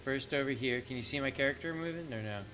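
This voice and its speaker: A man's voice: medium pitch, fast talker, fairly bright tone, slight background noise. A man casually playing a tabletop game, easygoing and joking. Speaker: player.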